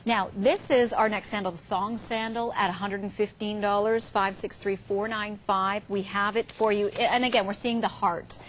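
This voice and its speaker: A middle-aged woman works as a home shopping host in a television studio. Her voice sits at an average pitch as she runs through items and prices in presenter patter. Faint noise sits under the broadcast sound. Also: steady tone, moderate pace, few pauses.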